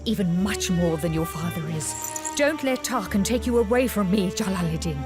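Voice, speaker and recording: A woman's voice: mid-range voice, expressive, normal speed, over music, lightly acted. An actress dubbing an anxious royal mother who pleads with her son in a historical drama. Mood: pleading. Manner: pleading, earnest. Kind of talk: English dub of a historical drama.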